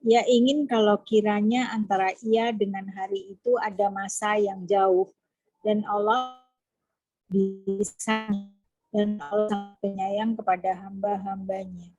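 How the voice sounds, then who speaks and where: Seorang perempuan membaca terjemahan ayat pelan-pelan dengan tersendat, lewat panggilan daring yang audionya tertunda dan putus-putus. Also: female voice, medium pitch, level tone, unhurried, darkish tone, soft background music. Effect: choppy, delayed online call audio. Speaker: participant reading verses. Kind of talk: reciting scripture translation. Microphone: video call. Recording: dull lo-fi call audio.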